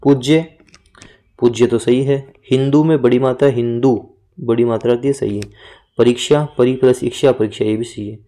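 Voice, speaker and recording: Guy teaching exam prep, warm low-key voice, keeps repeating words to drill the spelling. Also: steady tone, normal speed.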